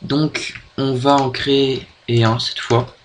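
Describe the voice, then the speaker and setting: A man's voice: medium pitch, little pitch movement, slow, background noise. French man hesitantly walking through a tutorial. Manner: hesitant, many fillers and restarts. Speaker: video tutorial maker. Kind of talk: screen-recorded software tutorial.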